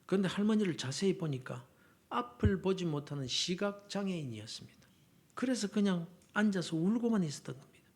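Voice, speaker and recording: A male pastor preaching a revival sermon in a church, passionate, swinging from loud declarations down to near-whispers. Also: high voice, lively intonation, brisk. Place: church sanctuary.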